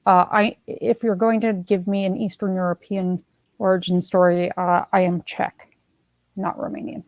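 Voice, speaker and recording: Creaky-voiced woman hosting a casual stream. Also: fairly low pitch, level tone, moderate pace, no echo, dull audio. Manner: chatty, chuckling, trailing off mid-sentence. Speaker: livestream host. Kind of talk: casual livestream chat.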